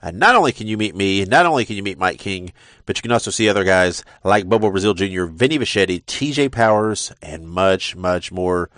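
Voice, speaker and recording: Low-pitched yet fairly bright, this podcast host talks wrestling briskly and expressively, his sinus infection leaving him congested. His casual delivery wanders, full of "uh" and repeated words. Studio-quality audio, no echo.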